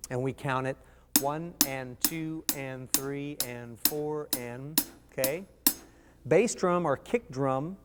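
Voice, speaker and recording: A man's voice: mid-range voice, slight background noise. A man teaching a beginner drum lesson, patiently explaining and counting beats aloud. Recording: reverberant room with loud drums.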